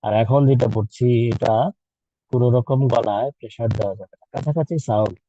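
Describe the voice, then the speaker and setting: A man's voice: medium pitch, a little fast, mellow, lo-fi sound. Patient man teaching letter sounds. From Bangladesh. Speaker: Quran teacher for children. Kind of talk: online class lesson.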